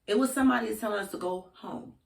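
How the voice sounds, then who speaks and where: Woman, Brooklyn accent, medium pitch, casual slangy storyteller; echoey, distant-mic sound. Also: fast talker, gravelly. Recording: echoey room, distant microphone.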